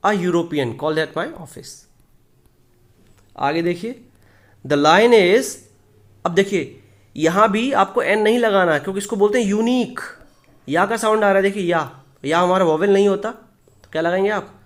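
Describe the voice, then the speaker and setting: High-voiced man teaching grammar. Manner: explains step by step, asks questions and answers them; reads English example sentences slowly and deliberately. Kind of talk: Hindi classroom lesson on English articles.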